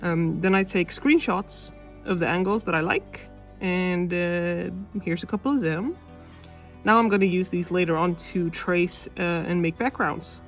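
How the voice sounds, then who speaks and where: A woman's voice: on the low side, unhurried. Casual, self-deprecating woman vlogger over music. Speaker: animation student vlogger. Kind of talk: casual devlog voice-over narration. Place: under a blanket indoors, processed in editing. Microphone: older camera used as mic.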